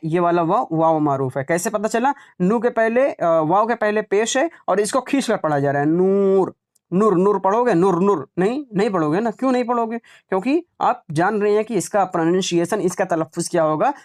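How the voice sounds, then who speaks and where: Man teaching Urdu pronunciation, repetitive. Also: high voice. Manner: repeats words slowly, drawing out sounds and asking "right?". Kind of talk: online class lecture.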